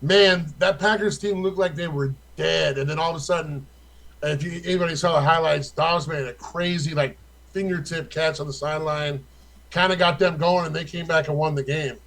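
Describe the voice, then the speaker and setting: A man's voice: fairly high pitch, steady tone, normal speed, gravelly, a bit bright, rough recording. A young man co-hosting a casual fantasy football chat, rattling off stats in a loose, profane way.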